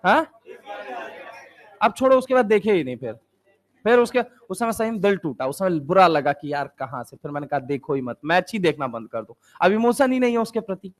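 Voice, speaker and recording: High-voiced young male chemistry teacher. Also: sing-song, brisk, a faint crowd. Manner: repetitive call-and-response questioning; jokey, teasing students. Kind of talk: lively classroom lecture. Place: classroom with students.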